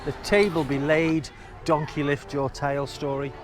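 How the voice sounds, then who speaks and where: A man with a fairly high voice speaks at a measured pace, his pitch barely moving, as he vlogs a walk through a theme park outdoors. His commentary is casual walk-and-talk, rambling and musing aloud as he goes, with music playing behind him.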